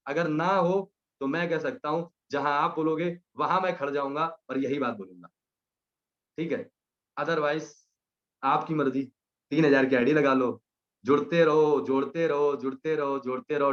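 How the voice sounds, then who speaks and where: A man's voice: fairly high pitch, fairly bright tone. A young man giving an emphatic motivational speech to his team, hammering home the same punchlines again and again. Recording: slightly muffled lo-fi recording.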